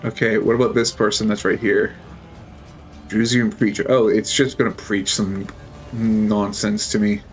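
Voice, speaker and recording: A man's voice: on the low side, little pitch movement, measured pace, soft background music. A man streaming a role-playing game, chatting casually, swearing and joking as he plays. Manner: profane, joking, laughs often. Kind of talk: casual gameplay commentary.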